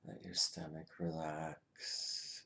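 Slow, deep-voiced man guiding a meditation. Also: completely flat delivery, vocal fry. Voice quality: soft, often drops to a whisper. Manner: slow, soothing instructions. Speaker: meditation guide. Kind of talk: guided meditation.

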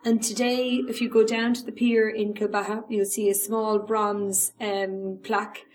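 A woman's voice: medium pitch, little pitch movement, rough recording. Irish woman telling local history, hesitant and informal. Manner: hesitant, pausing storytelling. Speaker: local storyteller.

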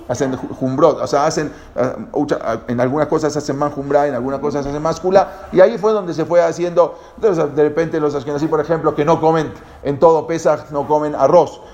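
A man's voice: on the high side, a little mellow, dull audio. A man giving a lecture, hesitant and full of fillers and restarts, explaining things directly to his listeners. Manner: halting, many fillers and repeated restarts.

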